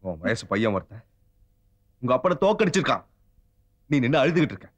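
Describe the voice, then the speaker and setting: An actor playing a furious, defeated male politician who shouts scornful commands in a film drama. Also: medium pitch, very animated, fairly quick. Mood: raging.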